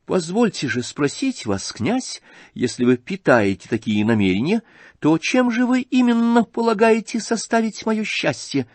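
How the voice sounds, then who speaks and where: A man's voice: high voice, big pitch swings, measured pace, no echo, voice pushed up. A male reader voicing a proud, mocking young noblewoman in an audiobook, questioning haughtily and pointedly. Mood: haughty.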